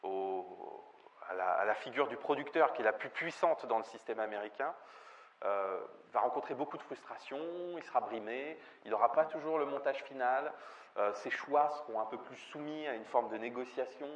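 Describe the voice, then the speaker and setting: A man giving a spoken film lecture, often hesitating with fillers and restarts. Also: mid-range voice. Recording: dull lo-fi recording with faint ambient noise.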